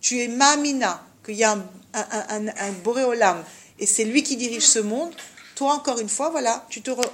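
Higher-voiced woman teaching a religious lesson. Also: moderate pace, a little hiss or hum. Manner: French peppered with Hebrew terms; didactic, frequent check-in questions.

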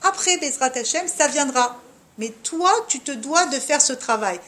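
A woman with a high voice leads a lively religious lesson for women. She speaks directly to her listeners and drops Hebrew terms into her explanations. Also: moderate pace. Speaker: religious teacher of a women's class.

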